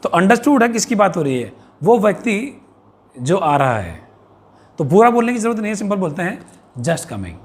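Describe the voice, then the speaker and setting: A man with an Indian accent teaching English phrases to children and parents, repeating each one slowly and asking the viewer questions. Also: sits high, sing-song, breathy edge. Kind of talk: bilingual vocabulary lesson for young children and parents.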